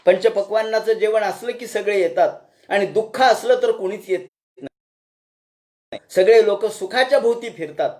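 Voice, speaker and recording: A man's voice: high voice, unhurried, a little mellow. A man giving a devotional discourse, retelling scripture folksily with rhetorical questions and chanted verses. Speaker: scripture storyteller.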